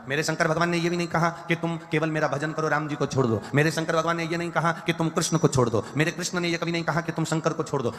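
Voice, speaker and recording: Man, devotional preacher, emphatic list-driven delivery, slightly high voice, echoing hall. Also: fairly bright tone. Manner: emphatic, repetitive lists, breaks into chanting. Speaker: kathavachak preacher. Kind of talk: devotional sermon with sung verses. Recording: long hall reverb.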